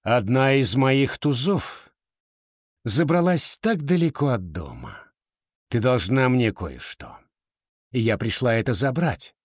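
A man's voice: medium pitch, big pitch swings, takes it slowly, no room sound, studio quality. A man reading aloud, voicing a cold, demanding mysterious woman with hidden powers in a storybook. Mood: cold, commanding.

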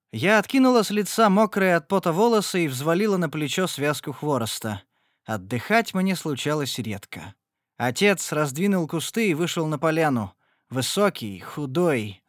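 A man giving a measured, dramatic first-person audiobook narration. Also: fairly high pitch, no room sound, clean studio sound. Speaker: audiobook reader.

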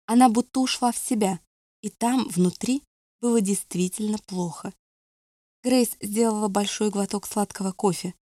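A woman calmly narrating an audiobook. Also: mid-range voice, normal speed, dry recording. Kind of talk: scripted narration.

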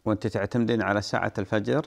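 Gravelly low-voiced man hosting a call-in. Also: steady tone. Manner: formal opening prayer, then short brisk replies to callers. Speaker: radio show host answering callers' religious questions. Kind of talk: phone-in religious advice show.

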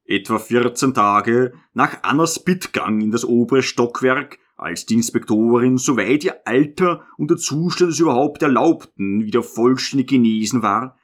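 A man narrating a literary audiobook in a measured, expressive way. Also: medium pitch.

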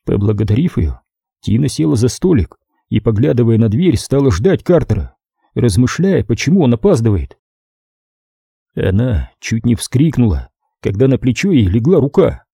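A man's voice: medium pitch, very animated, normal speed, creaky, dark tone, breathy edge, dry recording, clean studio sound. A man reading a crime novel aloud as audiobook narrator. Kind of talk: scripted narration.

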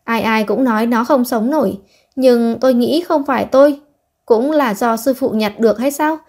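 A humble older man, worn down by grief, speaks slowly and plainly, as a woman narrator puts him on. The voice stays mellow and fairly high. He is a figure in an audiobook story. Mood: tender. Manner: slow and humble. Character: simple-hearted older man, grieving and humble.

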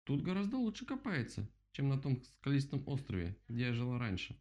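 A man's voice: mid-range voice, wildly swooping pitch, brisk, voice pushed up. A man voicing a small, friendly female burrowing owl in a storybook, easygoing and cheerful. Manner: bright, easygoing.

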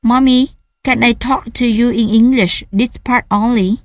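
A woman's voice: a little high, steady tone, unhurried, no echo, clean studio sound, voice pushed up. A woman voicing a playful, stubborn seven-year-old child who chatters eagerly and pleads. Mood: whiny.

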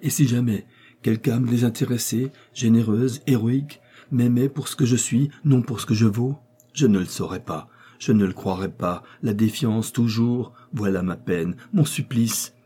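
A man's voice: medium pitch, normal speed, dark tone, husky, close to an everyday voice. A man reading an audiobook, voicing a proud and passionate young heiress who distrusts her suitors, speaking with vehement feeling. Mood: impassioned. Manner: impassioned, vehement, sometimes tearful.

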